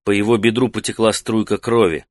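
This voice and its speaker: Low-voiced male audiobook narrator. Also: fairly quick, no echo. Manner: steady, even storytelling. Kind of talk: scripted narration. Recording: dry close studio sound.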